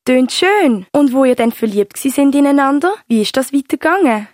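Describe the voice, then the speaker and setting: A woman's voice: sits high, animated, normal speed, a little mellow, no room sound, clean studio sound, voice pushed up. A woman voicing a young grandchild who interviews her grandmother for school, with a Swiss German accent and eager, pushy questions. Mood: curious.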